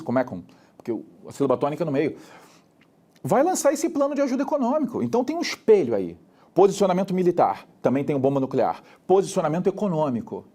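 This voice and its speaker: Brazilian guy giving a lively history lesson, acts out little scenes, highish warm voice. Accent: Brazilian Portuguese. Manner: animated, plays out characters in quick street talk. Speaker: history teacher.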